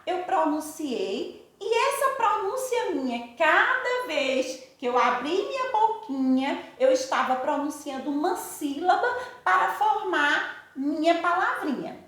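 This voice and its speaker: A Brazilian woman teacher giving a recorded lesson to young pupils, affectionate and sing-song, addressing them slowly and warmly. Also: very high-pitched, sing-song. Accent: Brazilian Portuguese. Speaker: primary school teacher. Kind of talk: recorded remote lesson for children. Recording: echoey room.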